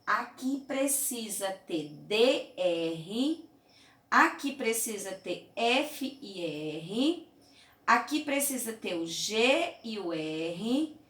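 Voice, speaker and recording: Slow, patient Brazilian teacher woman. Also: medium pitch, fairly bright tone, distant mic. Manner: patient, slow, repeats "tá?" and "certinho?" often. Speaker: primary school teacher. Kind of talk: remote lesson for young children. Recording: roomy echo, mic held away.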